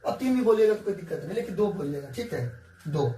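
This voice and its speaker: Quick and expressive, a man with a high-sitting but dark-toned voice teaches science at a whiteboard. He keeps coaxing and repeating points, regularly making sure students keep up. Expect an echoey room, distant microphone, and faint hiss.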